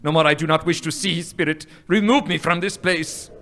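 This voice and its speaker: An actor playing the old miser Scrooge in a live radio play, pleading and anguished. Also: male voice, on the high side, normal speed, fairly bright tone. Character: miserly old man Scrooge, bitter and tormented.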